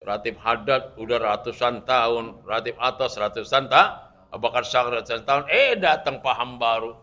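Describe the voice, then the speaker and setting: An older man teaching a religious study lesson, animated and emphatic, scolding with jokes. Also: mid-range voice, moderate pace. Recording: dull lo-fi recording.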